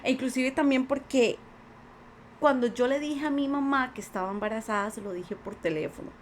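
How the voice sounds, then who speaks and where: Earnest Costa Rican woman, a little high-voiced, telling her own story on a podcast, faint background hiss. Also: normal speed. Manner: earnest, many quoted voices. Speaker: podcast guest. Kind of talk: personal testimony in conversation.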